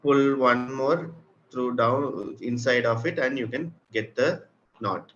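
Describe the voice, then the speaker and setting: Speaking slowly in a medium-pitched, fairly bright voice, a man with an Indian accent guides children through a craft one step at a time. He keeps things simple and patient and checks they are following, while the muffled recording picks up plenty of room noise.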